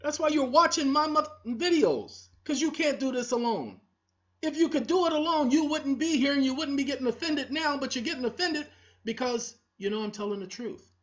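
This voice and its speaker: A female video host lectures her audience directly, preaching and scolding while repeating her points. Her high-pitched, fairly bright voice moves at normal speed, and the recording is dull and lo-fi.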